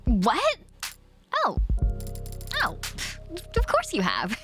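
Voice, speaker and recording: A woman's voice: on the high side, wildly swooping pitch, very slow, voice pushed up, full character voice. A woman voicing a flustered, grieving young assistant who stammers and hesitates. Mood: nervous, apologetic. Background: game music.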